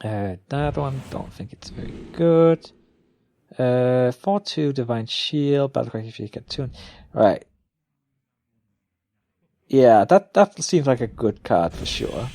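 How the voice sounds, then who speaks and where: Rambling male gamer with a slightly creaky voice. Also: mid-range voice, animated, takes it slowly, long pauses, mellow, no room sound. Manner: rambling, thinking aloud, often trailing off. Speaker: gamer opening card packs. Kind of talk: casual off-the-cuff game commentary.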